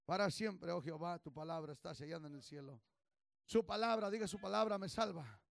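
A male pastor preaching a fervent sermon, swinging from low murmurs to shouts, leading call-and-response and slipping into English phrases. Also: brisk, creaky. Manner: call-and-response, urging the congregation to repeat. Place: church service.

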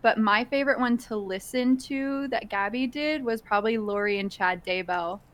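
A woman's voice: on the high side, normal speed. A young woman guest from a true crime podcast, chatting casually and emphatically. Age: young adult. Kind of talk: casual chat.

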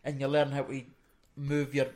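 A Scottish man with a Fife accent gives his critique in casual conversation. His voice sits at an ordinary pitch, and his words come out mumbled through a barely open mouth. He is blunt and swears freely. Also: completely flat delivery, moderate pace, darkish tone. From Fife, Scotland. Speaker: music critic on a hip hop review show. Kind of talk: casual chat.

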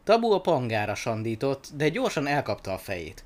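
Man, storybook narrator, lively up-and-down pitch, expressive reading.

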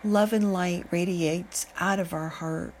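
A woman guiding a meditation, speaking in a calm, soothing way with long pauses. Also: on the low side, slight background noise, poor audio. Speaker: meditation guide. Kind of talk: guided meditation narration.

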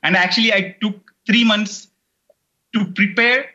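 This online course creator, a middle-aged man from India who speaks Telugu natively and has an Indian English accent, is chatting as a guest in a relaxed interview. He talks a little slowly in a high, pushed, bright voice with fairly even intonation. The recording is lo-fi, and his speech wanders with many fillers and false starts.

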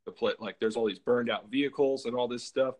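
A man's voice: mid-range voice, steady tone, brisk, darkish tone. Rambling man hosting a podcast. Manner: rambling, full of "like" fillers and restarts. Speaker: podcast host. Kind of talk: casual podcast chat, telling a true story.

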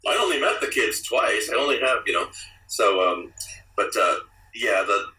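A man's voice: fairly low pitch, very animated, normal speed, bright, forceful tone, recorded from a distance, rough recording. A man, an author being interviewed, talking casually with many fillers and restarts.

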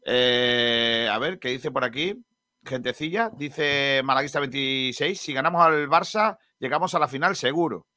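A man's voice: mid-range voice, moderate pace, sharp tone, dry recording, studio quality. A man hosting a casual sports talk show, joking and reading viewer comments aloud. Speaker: host.

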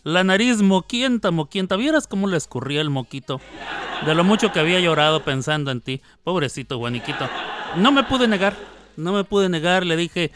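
A man's voice: sits high, expressive, brisk, background noise. A male radio host joking and teasing in playful banter on a studio microphone, laughing often.

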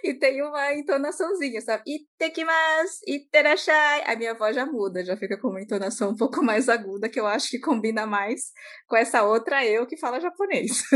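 A woman's voice: a little high, a little fast. Laughing chatty woman on a podcast. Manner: laughs often, animated storytelling. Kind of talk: casual chat.

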